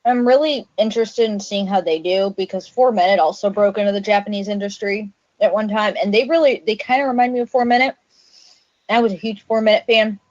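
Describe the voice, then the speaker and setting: A woman's voice: medium pitch, fairly even intonation, brisk, darkish tone, muffled recording. A woman co-hosting a casual music podcast, talking as an eager fan with hesitant fillers. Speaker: podcast co-host.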